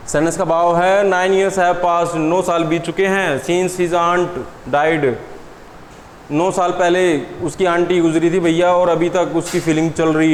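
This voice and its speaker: A man teaching an exam-prep lesson in a classroom. He asks his students questions and answers them himself, and he says words slowly and deliberately. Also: sits high. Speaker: English teacher. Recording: echoey room with long reverb and faint noise.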